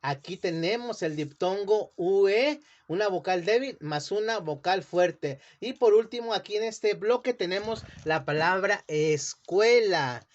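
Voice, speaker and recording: A man teaching children a lesson, speaking slowly and carefully and stretching words out syllable by syllable. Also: high voice, animated. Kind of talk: classroom lesson explanation. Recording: dull lo-fi sound.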